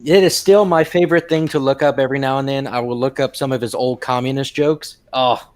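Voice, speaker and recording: A man's voice: mid-range voice, fairly even intonation, fairly quick. Rambling young man telling jokes. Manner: rambling storyteller with fillers. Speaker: podcast co-host. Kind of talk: casual chat, telling jokes.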